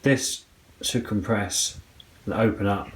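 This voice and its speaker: A man's voice: fairly low pitch, slow pace, slightly rough, poor audio. A man giving casual, self-deprecating how-to commentary as he works on a repair, thinking aloud with frequent ums. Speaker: DIY mechanic vlogger.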